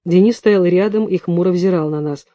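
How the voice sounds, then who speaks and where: A male audiobook reader narrates in a lively storytelling manner, with a high voice of a very dark, mellow tone. The recording is close and completely dry. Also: moderate pace, no echo, lo-fi sound.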